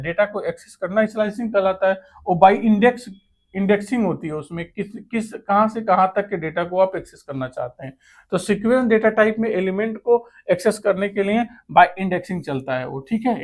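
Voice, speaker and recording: A man teaching computer basics, reading out quiz options, then asking and answering himself, with English terms mixed into his Hindi. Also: high-pitched. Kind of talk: explaining quiz questions step by step.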